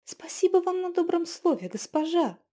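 A woman voicing a fawning, flustered innkeeper who gushes with lifted pitch. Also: sing-song, normal speed, warm tone. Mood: deferential. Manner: gushing, fawning, breathless.

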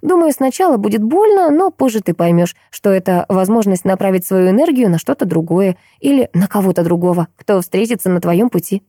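A woman voicing a calm, gently teasing seventeen-year-old girl. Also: mid-range voice, a little fast, hardly any pauses, no echo, studio quality, natural voice. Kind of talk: audiobook character voice.

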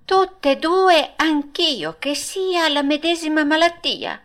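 A woman voicing Pinocchio, a mischievous wooden puppet boy, in a storybook audiobook, with a childlike manner. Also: takes it slowly. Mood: cheeky. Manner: high, lively childlike voice.

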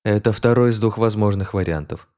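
A man voicing a princess who speaks calmly and coldly. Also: fairly low pitch, a little fast, close to an everyday voice. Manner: calm and cold. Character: cool haughty princess, a young woman.

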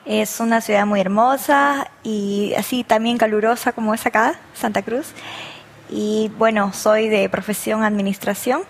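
A woman from Peru speaks as a guest on a religious talk show. Her voice has a gravelly, fry-tinged edge, and she talks gently, padding her phrases with soft fillers. Her pitch sits in the middle range. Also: fairly even intonation, measured pace, slight background noise. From Peru, Loreto region. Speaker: guest, missionary.

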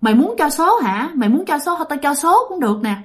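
Woman doing a sad, gentle tortured ghost. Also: high voice, sing-song, a little fast. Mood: weary. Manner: plaintive, complaining of pain.

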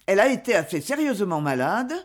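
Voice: mid-range voice, big pitch swings, fast, lightly acted. An offhand, worldly aristocratic father, read aloud. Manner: casual, offhand, amused.

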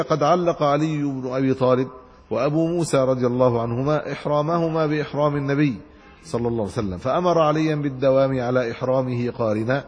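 A man's voice: mid-range voice, darkish tone, husky, in a large hall. A man with an Egyptian Arabic accent teaching a religious lesson, reading classical commentary aloud and explaining it in colloquial asides. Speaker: Islamic scholar teaching hadith commentary.

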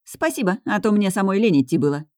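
Woman voicing a laid-back, deadpan young woman. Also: medium pitch, quick pace, dry recording, studio quality, pitched above the performer's own voice, close to an everyday voice. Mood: nonchalant. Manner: nonchalant, deadpan.

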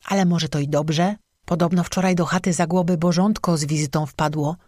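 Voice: medium pitch, fairly even intonation, brisk, darkish tone, no echo, clean studio sound, close to an everyday voice. A narrator voicing a stout, stern innkeeper woman who scolds and gossips in an audiobook. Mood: gossipy. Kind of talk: audiobook character voice.

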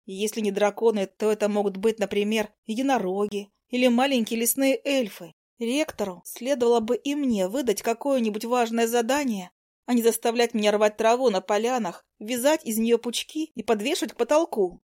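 A woman reading a first-person fantasy novel aloud in an even, clear storytelling manner. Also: a little high, a little fast. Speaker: audiobook narrator. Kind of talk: first-person audiobook narration.

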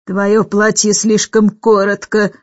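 Domineering older governess, loud and slow, barks every order, put on by a woman narrator. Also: mid-range voice, completely flat delivery, no room sound, dull audio, natural voice.

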